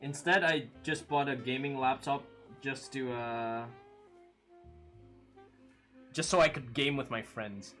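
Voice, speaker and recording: A man in his early twenties hosts a stream, chatting casually with viewers and answering their comments. His medium-pitched voice is slow and he pauses often. He's relaxed, laughs a lot and uses many fillers, with faint music playing behind him.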